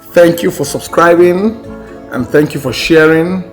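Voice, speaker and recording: A man's voice: fairly high pitch, unhurried, faint music behind. A man from Nigeria with a Nigerian accent, co-hosting a casual chat in a playful, enthusiastic way. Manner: enthusiastic, playful, laughs often. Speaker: podcast co-host.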